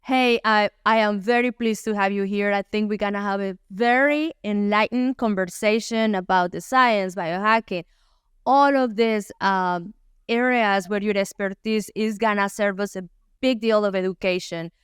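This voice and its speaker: A woman hosting a wellness podcast, speaking English with an accent and stressing key words slowly. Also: mid-range voice, smooth, no echo, studio quality. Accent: non-native English. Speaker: podcast host. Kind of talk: podcast interview.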